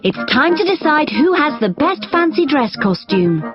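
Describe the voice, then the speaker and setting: A woman voicing a kind cartoon mother pig who gently teases her children, with lo-fi sound and loud music behind. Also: high voice, big pitch swings, normal speed. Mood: fond. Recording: dull lo-fi audio with loud music.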